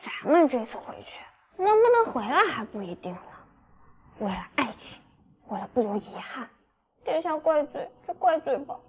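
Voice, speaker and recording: Very high, perky, bold young woman. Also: normal speed, a little hiss or hum. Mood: bold, persuasive. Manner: chatty, coaxing, expressive. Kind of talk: screen drama acting.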